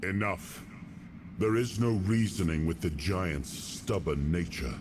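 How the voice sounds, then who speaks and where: An actor playing a weary, proud king of legend who speaks in a grave, regal, deliberate manner in a game cutscene. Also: sits low, animated, background noise. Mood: commanding. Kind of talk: dramatic game cutscene monologue.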